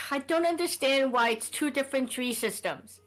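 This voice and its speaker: A woman's voice: high voice, a little slow. A woman playing in a tabletop game, polite and hesitant, with many fillers. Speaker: player. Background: faint background music.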